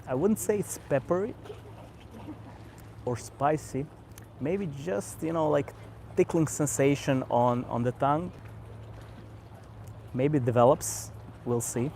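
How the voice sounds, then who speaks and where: A man with a Croatian accent hosting a casual live stream outdoors, relaxed and unhurried, often repeating words as he thinks. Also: on the high side, slight background noise. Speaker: cigar channel host. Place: outdoors on a vacation island by the sea.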